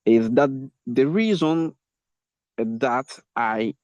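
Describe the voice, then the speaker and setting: A Haitian man whose first language is Haitian Creole takes the microphone as a language learner to give an impromptu talk in English practice, speaking slowly and haltingly as he searches for words. His medium-pitched, darkish voice is animated. The online call audio is muffled, roomy, and echoey.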